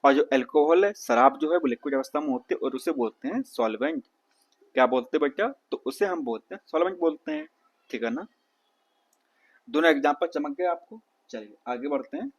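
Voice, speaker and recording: A man teaching a science lesson, asking questions and answering them himself, calling listeners "beta" and reading English lines slowly. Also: a little high, animated. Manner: calls listeners "beta", checks "theek hai na"; reads English text slowly, then explains in Hindi. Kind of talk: exam-prep science lesson.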